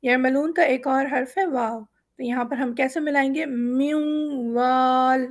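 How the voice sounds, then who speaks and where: Brief: woman teacher with a high voice, patient and methodical, stretches out example words for students to repeat. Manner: mixes English words into her speech. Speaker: Quran reading teacher. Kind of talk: step-by-step lesson explanation.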